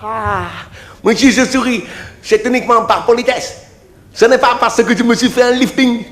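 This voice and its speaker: A male stand-up comedian telling a story with slow, self-mocking delivery and frequent laughter. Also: very high-pitched, fairly even intonation. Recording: roomy live venue with faint noise.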